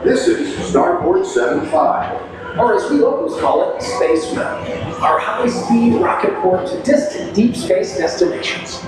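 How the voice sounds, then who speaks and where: Cavernous echo and loud music surround a distant male spaceport announcer. He delivers welcoming, scripted theme park narration in a lively, high voice. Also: unhurried, heavily acted. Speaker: attraction announcer.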